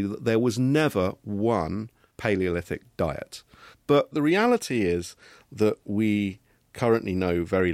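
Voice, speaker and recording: Middle-aged academic, low voice, measured and explanatory, dry close recording. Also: male voice, vocal fry, a little mellow, dry recording. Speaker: professor of evolutionary genetics. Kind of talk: interview answers.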